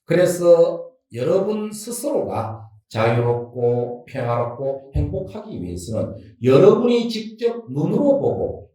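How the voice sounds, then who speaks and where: A man with a Gyeongsang accent giving a folksy, lively Buddhist sermon, asking the audience questions and acting out everyday quarrels. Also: fairly high pitch. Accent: Gyeongsang Korean. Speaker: Buddhist monk giving a dharma talk. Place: temple dharma hall. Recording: distant mic in a roomy temple hall.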